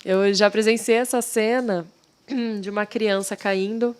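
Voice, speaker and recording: A mother talking on a podcast with a smooth, resonant, mid-pitched voice. She tells everyday anecdotes in a relaxed conversational way. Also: a little slow.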